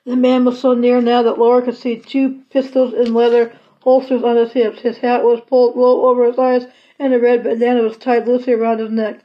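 A woman reading a children's novel aloud chapter by chapter, in an unhurried, plain storybook way. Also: on the high side, little pitch movement. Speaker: audiobook reader. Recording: slightly dull lo-fi recording.

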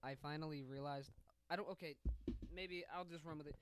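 A young man chats on a podcast in a loose, profane way and laughs a lot. His voice sits a little high, with a faint hiss of noise behind it. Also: fairly even intonation, a little fast. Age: 20s. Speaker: podcast co-host. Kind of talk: casual podcast chat.

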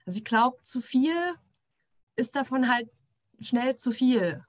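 A woman co-hosting a podcast, giving a measured, thoughtful series review in casual chat. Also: a little high. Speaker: podcast co-host.

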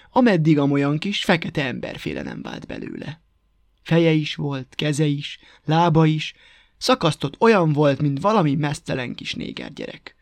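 A man narrating a folk tale as a storybook reader, with a lively, rhythmic telling on a close mic. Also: fairly high pitch, no room sound. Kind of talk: storybook reading.

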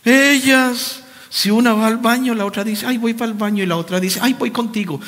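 A man doing a ventriloquist act, voicing a cheeky wisecracking male dog puppet with quick, teasing comebacks. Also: extremely high pitch, a bit bright, voice pushed up. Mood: mocking. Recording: reverberant hall.

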